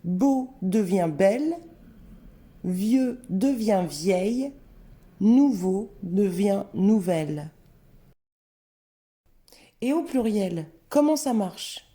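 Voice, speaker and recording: A woman narrating a scripted language lesson, reading word pairs slowly and carefully. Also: medium pitch, animated, mellow. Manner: slow, careful, clearly spelled-out word examples. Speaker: French teacher.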